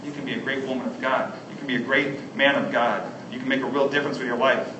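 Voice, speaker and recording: A man's voice: mid-range voice, fairly even intonation, quick pace, highs cut off, noisy background. A middle-aged man preaching a sermon as a pastor, earnest and conversational, with frequent ums. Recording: echoey room, mic at a distance.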